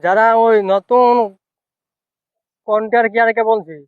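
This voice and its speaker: A man speaks haltingly and stumbles over his words. His voice is high and dry, and it comes through as a tinny, phone-like clip. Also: steady tone, dry recording. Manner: stammering, halting. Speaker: content creator in a played clip.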